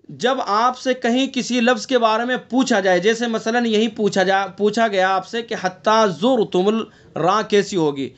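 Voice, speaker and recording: A man teaching an online class in Quran recitation, questioning his students and explaining each rule step by step, with slow chanted recitation in between. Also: very high-pitched, a bit bright. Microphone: online class connection.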